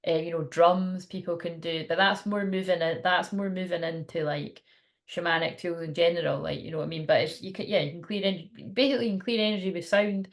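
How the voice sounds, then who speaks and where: A woman's voice: on the low side, fairly even intonation, brisk. A woman chatting casually to camera as a spiritual teacher, in a rambling, informal way.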